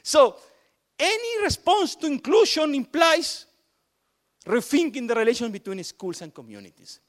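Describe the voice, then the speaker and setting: High-voiced man talking emphatically. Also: sing-song, moderate pace. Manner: emphatic, repeats words for stress. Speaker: education policy speaker. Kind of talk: panel talk on inclusive curricula.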